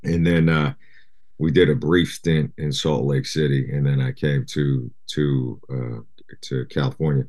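Man, middle-aged, from Japan, very deep voice, rambling casual interview talk. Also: measured pace. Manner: relaxed, rambling, many "you know" fillers. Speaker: guest rapper.

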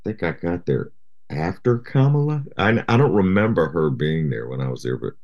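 Very deep-voiced relaxed man. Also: normal speed, highs cut off. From Japan. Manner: relaxed, rambling, many "you know" fillers. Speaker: guest rapper. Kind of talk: casual interview chat.

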